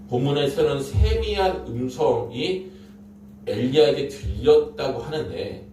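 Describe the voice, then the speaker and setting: A man with a mellow, medium-pitched voice preaches a Korean sermon, telling its story with drama, emphasis, and repeated phrases. The distant mic picks up room echo and faint noise.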